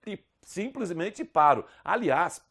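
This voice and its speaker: A Brazilian man teaching an online lesson, slowly spelling out speech sounds with careful, exaggerated articulation. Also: sits high, expressive, a bit bright. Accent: Brazilian Portuguese. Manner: slow, over-articulated demonstration of sounds. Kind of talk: video lesson promoting a course.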